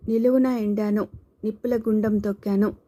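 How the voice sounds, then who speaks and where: A woman reading the lines of a gentle young man who recites a sorrowful riddle in a steady, even voice in a storybook. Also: mid-range voice, moderate pace, close to an everyday voice.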